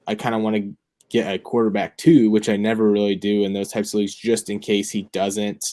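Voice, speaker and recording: A man's voice: lowish voice, flat delivery, a little fast, warm tone. A young man co-hosting a fantasy football talk show, chatting casually and thinking aloud with lots of fillers. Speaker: fantasy football podcast co-host. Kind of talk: casual chat.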